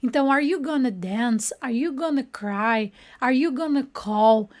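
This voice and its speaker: High-voiced woman teaching English. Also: expressive, a little mellow. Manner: slows down to model English words, frequent "né" and "ó" checks. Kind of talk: online English lesson.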